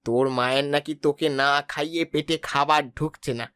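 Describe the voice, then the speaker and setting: A man voicing a kindly village father in a cartoon, calm and coaxing. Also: a little high, brisk, smooth, dry recording, lightly acted. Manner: calm, coaxing, stern when wronged. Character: kindly village husband and father, fair-minded. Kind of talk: cartoon voice acting.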